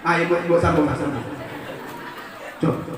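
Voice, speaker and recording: A man preaching with a North Sumatran Malay accent, animated and teasing, quizzing his audience. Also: fairly high pitch, measured pace, a little hiss or hum. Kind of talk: humorous sermon to a live audience. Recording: echoey hall, far mic, live crowd.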